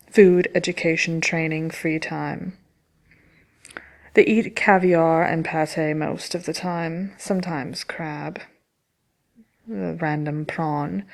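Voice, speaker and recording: Woman acting as a wicked witch, sly, haughty, lowish creaky voice, theatrical, mischievous, ASMR chat host. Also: full character voice. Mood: dry, matter-of-fact. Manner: sly, theatrical, dryly self-important. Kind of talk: in-character ASMR question-and-answer chat.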